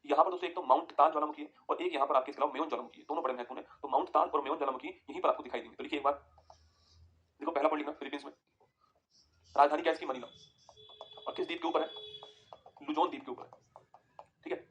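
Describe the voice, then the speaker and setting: A man teaching a geography lesson over a map, talking quickly and repeating points for students to write down. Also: on the high side, steady tone, a bit bright. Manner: rapid, repetitive, tells students to write points down.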